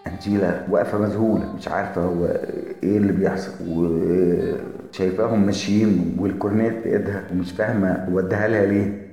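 A man with an Egyptian accent casually narrating a story with relaxed explanatory asides. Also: low voice, fast talker. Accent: Egyptian Arabic. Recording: echoey hall with faint music.

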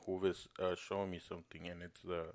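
A man's voice: sits low, flat delivery, fairly quick, a little mellow. A man co-hosting a podcast, telling a story in casual, profane chat and laughing often. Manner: laid-back storytelling, swears a lot, laughs often. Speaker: podcast co-host.

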